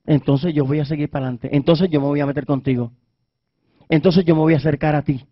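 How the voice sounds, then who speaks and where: A man voicing God as a grave, patient male speaker, low and hushed, in a dull, dry lo-fi recording. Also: fairly even intonation, fast talker, no echo, natural voice.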